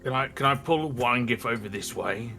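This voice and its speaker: A man's voice: mid-range voice, moderate pace, bright, forceful tone. A man talking casually as a player in a tabletop role-playing game, often repeating his phrases. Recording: music behind the voice.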